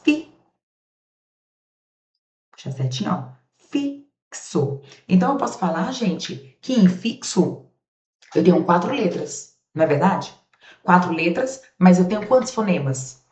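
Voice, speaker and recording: A Brazilian woman teaching grammar records a lesson, sounding out speech sounds and posing rhetorical questions to the class in a Brazilian Portuguese accent. Her voice is on the low side, animated and a little mellow, at a normal pace, and the audio is roomy, distant and dull.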